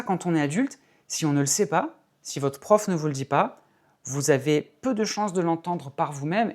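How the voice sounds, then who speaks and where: A man teaching English in an explanatory video lesson, speaking in a measured way, stressing key words and demonstrating pronunciation examples. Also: on the high side.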